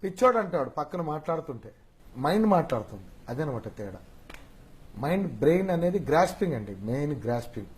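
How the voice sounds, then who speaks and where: Animated, higher-voiced man explaining his craft. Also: fast talker. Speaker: mimicry artist. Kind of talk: casual interview chat.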